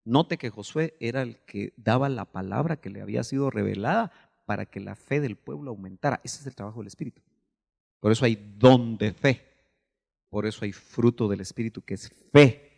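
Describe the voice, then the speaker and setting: A Guatemalan man with a Guatemalan Spanish accent, preaching a sermon as pastor, animated and breaking into sudden shouts. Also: mid-range voice, normal speed, vocal fry, big-room sound.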